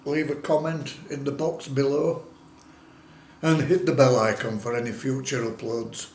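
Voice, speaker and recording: A man giving a casual food taste-test review as a vlogger, speaking in unhurried, plain-spoken short phrases of approval. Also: medium pitch, fairly even intonation, a little mellow. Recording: roomy echo, faint background noise.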